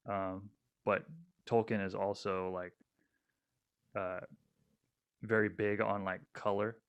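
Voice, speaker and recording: Smooth-voiced man rambling on a podcast. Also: lowish voice, level tone, slow, highs cut off. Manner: rambling with many fillers and restarts. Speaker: podcast co-host. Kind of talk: casual podcast chat.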